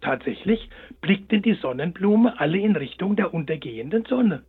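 A man narrating a storybook in a gentle, expressive way, on a tinny line. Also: sits high, moderate pace, breathy edge. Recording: tinny phone-like sound.

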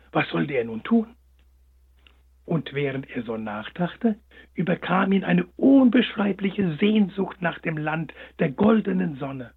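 A man narrating a storybook, gentle and expressive. His voice is high and husky. The sound is thin and phone-like.

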